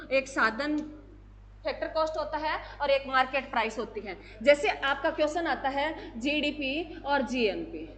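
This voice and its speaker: A woman's voice: high voice, fairly bright tone. A woman teacher giving an exam-prep lecture, asking questions and answering them herself, often calling her students "my children".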